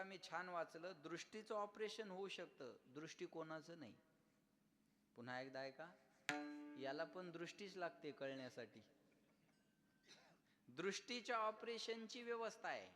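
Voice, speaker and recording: A man's voice: sits high, a bit bright. A man preaching a devotional kirtan to a live gathering, questioning his listeners, pressing them to answer and breaking into sung verses.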